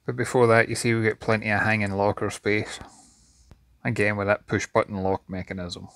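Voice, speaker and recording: A man's voice: fairly low pitch, flat delivery, a little fast, vocal fry, a bit bright, dry recording. A man giving an enthusiastic walkthrough tour of a yacht's cabins and engine room, recorded inside the boat. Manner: enthusiastic, descriptive. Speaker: yacht reviewer.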